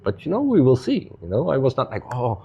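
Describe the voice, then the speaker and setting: A man telling stories as a podcast guest in loose, non-native English with many "you know"s, relaxed and upbeat. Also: mid-range voice, quick pace, vocal fry, husky, muffled recording. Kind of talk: casual storytelling conversation.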